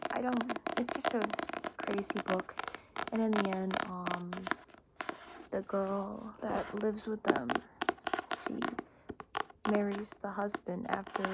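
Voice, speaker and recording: A woman chatting casually and softly in an ASMR style about things, rambling and hesitant, in an informal way. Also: medium pitch. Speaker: ASMR book reviewer. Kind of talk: soft casual ASMR chat. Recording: noisy, with clicking and shuffling handling sounds. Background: tapping and scratching on books.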